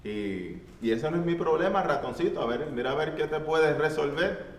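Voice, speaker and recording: A man's voice: a little high, expressive, normal speed, pitched above the performer's own voice, natural voice. A man voicing an indifferent female cow in a storybook tale, drawing out her words in a sing-song, dismissive way, heard from far off in an echoey church hall.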